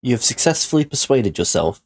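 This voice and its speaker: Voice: mid-range voice, sing-song, brisk, husky. A game master narrating a tabletop role-playing game and calling for rolls.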